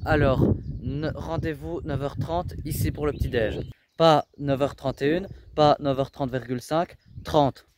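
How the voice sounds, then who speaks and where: A man's voice: a little high, steady tone, a little slow, background noise. Firm, scolding male youth educator. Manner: firm, scolding, raises his voice. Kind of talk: coaching young people.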